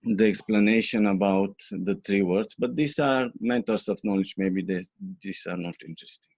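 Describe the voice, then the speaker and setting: A man's voice: on the low side, normal speed, a little mellow, no room sound. A man from Bulgaria answering interview questions, hesitant, with many fillers. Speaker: interview guest. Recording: dull lo-fi dry sound.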